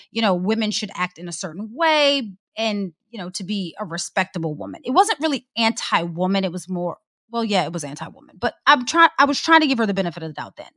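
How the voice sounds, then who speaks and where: A woman co-hosting a podcast, giving sarcastic, animated commentary in casual chat. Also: mid-range voice, no room sound, clean studio sound. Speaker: podcast co-host.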